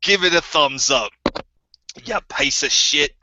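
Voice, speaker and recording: A man's voice: a little high, lively intonation, a little slow, bright, forceful tone, slight background noise, exaggerated voice. A man doing a crude bitter New Zealand-accented character, stammering, rambling, dull lo-fi sound. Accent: put-on New Zealand. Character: bitter, crude ex-group member, adult man. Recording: dull lo-fi recording.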